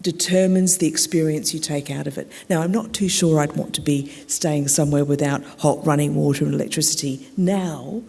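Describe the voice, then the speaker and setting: Australian woman, keynote storyteller, mellow and husky, echoey hall. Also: sits low, steady tone. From South Australia. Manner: reflective, measured, with dramatic pauses. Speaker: keynote speaker. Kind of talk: personal storytelling talk.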